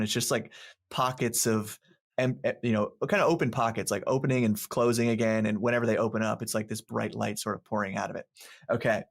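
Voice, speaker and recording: A man narrating a tabletop game as game master, describing scenes in a rambling way full of fillers and laughs. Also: mid-range voice. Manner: laughs often between descriptions.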